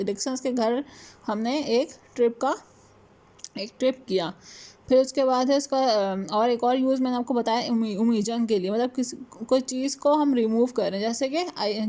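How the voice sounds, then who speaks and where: Woman teaching, mellow higher voice. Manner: mixes Hindi and English, reads English examples slowly; adds "ठीक है" after points. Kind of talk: lecture on punctuation.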